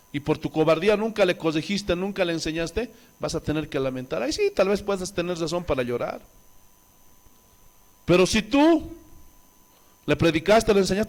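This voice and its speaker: A man's voice: sits high, big pitch swings, moderate pace, long pauses. A man with a Bolivian Spanish accent, a pastor preaching a sermon with impassioned rhetorical questions to the congregation.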